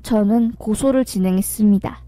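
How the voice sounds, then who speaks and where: A woman's voice: medium pitch, moderate pace, mellow, no echo. A woman reading a dramatic first-person story aloud and acting out the quoted lines, with faint music behind her.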